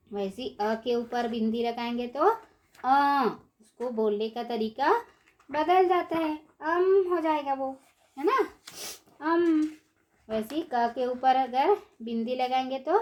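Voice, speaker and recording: A woman teacher with a high voice, talking very slowly. She spells each word out syllable by syllable, repeats it for young learners, and asks questions that she answers herself. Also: a little mellow. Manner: asks and answers her own questions in a sing-song classroom tone. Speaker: primary school teacher. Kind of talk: Hindi phonics lesson for young children.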